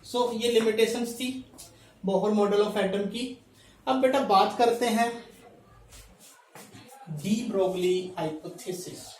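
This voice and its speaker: A male teacher giving a classroom chemistry lecture. He addresses students as "beta" and keeps checking in with "thik hai", slowing down to dictate terms. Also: sits high. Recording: echoey room, mic at a distance.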